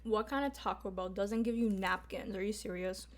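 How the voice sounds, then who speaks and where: Eating on camera, a young woman talks casually to her viewers in mukbang fashion, peppering her speech with fillers and mild swearing. Her voice is medium-pitched, fairly even in intonation, and paced normally.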